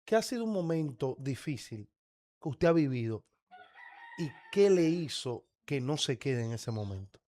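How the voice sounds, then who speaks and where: A man interviews a pastor, his voice sitting in a middle range. He asks short questions and drops in quick reactions. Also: medium pitch, sing-song, warm tone.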